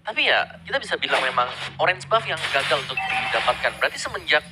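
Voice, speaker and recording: A man's voice: fairly high pitch, sing-song, quick pace, very noisy. An Indonesian man co-casting an esports match with analytical commentary on the plays.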